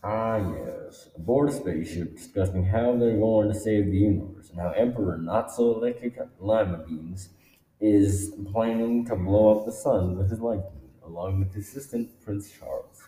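A man's voice: fairly low pitch, normal speed, mellow. A man narrating a goofy amateur comedy sketch in a mock-dramatic way. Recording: echoey room.

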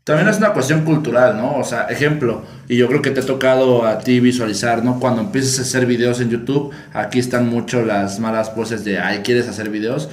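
A man's voice: mid-range voice, fairly quick, hardly any pauses. A man with a Mexican accent hosting a podcast, musing aloud and asking rhetorical questions. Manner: reflective, asks rhetorical questions. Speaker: podcast host. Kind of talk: casual podcast chat. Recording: echoey room.

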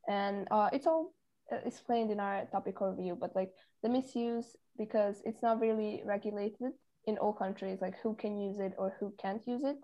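A woman's voice: medium pitch, fairly even intonation, normal speed, mellow, lo-fi sound. A teenage woman from Serbia, a committee chair answering interview questions with hesitant, filler-filled speech. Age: teens.

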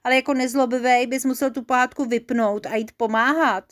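A woman voicing an excitable little male creature in a children's storybook. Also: fairly high pitch, natural voice. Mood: excited.

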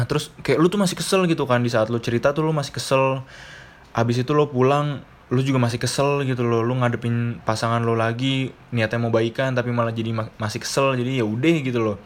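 Slangy young man from Jakarta. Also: medium pitch. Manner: chatty, slangy, blunt, swears casually. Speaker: podcast host. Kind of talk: casual monologue.

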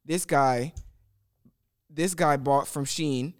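Young man, smooth voice, rambling. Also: fairly high pitch, slow pace. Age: young adult. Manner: rambling, restarts often, animated. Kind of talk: casual group chat.

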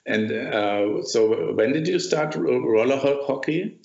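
A man with a gravelly voice puts halting, casual questions as a podcast co-host. The recording is roomy and a bit dull. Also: medium pitch, expressive, a little mellow.

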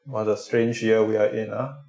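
A man's voice: lowish voice, steady tone, normal speed, creaky, mellow, faint music behind. A Singaporean man in a casual chat, speaking colloquial Singlish sprinkled with lah and Malay slang. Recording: roomy, echoing sound.

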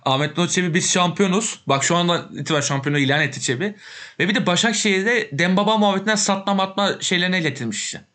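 A young man in casual football banter, quick to dismiss and argue back. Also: high voice, pushed and bright. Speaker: football chat co-host.

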